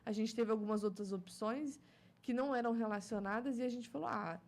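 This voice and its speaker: A woman's voice: on the high side, a little fast, darkish tone. A woman in her thirties from Brazil chatting casually about motherhood, laughing often and musing on faith. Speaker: guest mother. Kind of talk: casual chat.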